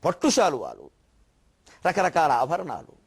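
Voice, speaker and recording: An older man giving a religious discourse, indignant and scolding, firing off rhetorical questions and slowly chanting verses. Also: fairly high pitch, wildly swooping pitch, vocal fry, slightly rough. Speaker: spiritual orator.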